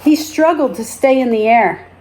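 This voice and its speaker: The audio quality is poor on this clip of a high-pitched woman who, as a teacher, reads a children's story aloud in a deliberate and expressive storytelling style.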